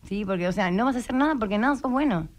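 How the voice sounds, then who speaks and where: A woman speaking with a Rioplatense accent, talking as a guest in a radio interview. She explains her ideas in a lively way and often acts out the voices of the people she quotes. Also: mid-range voice, racing. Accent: Rioplatense Spanish. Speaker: guest, writer and coach.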